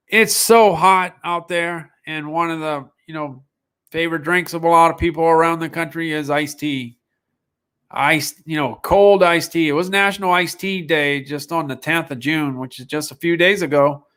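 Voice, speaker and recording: A man hosts a live online sales stream, talking casually and rambling with frequent restarts. His voice is on the high side, with a fairly bright, clean tone.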